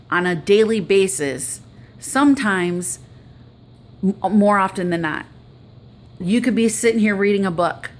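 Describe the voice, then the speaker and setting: A woman's voice: medium pitch, a little hiss or hum. A middle-aged woman talking casually to the camera in an earnest, conversational way, sharing her own experience. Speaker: vlogger sharing personal experience.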